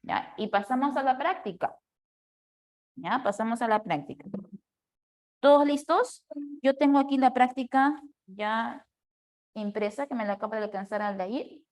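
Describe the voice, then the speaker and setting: Woman, teacher, fairly high voice, classroom lecture, keeps checking in with students. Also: measured pace, long pauses. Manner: checks in with the class often, lively questions.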